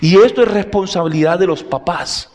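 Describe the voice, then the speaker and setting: A man's voice: high-pitched, brisk. A middle-aged male pastor preaching a sermon, telling anecdotes and putting questions to the congregation.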